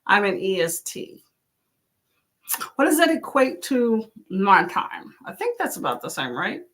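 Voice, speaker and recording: A woman's voice: medium pitch, big pitch swings, a little slow, fairly bright tone. A woman hosting a casual live chat, reading out viewers' comments and encouraging them. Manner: chatty, encouraging, exclaims often. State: clearing her throat. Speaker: livestream host.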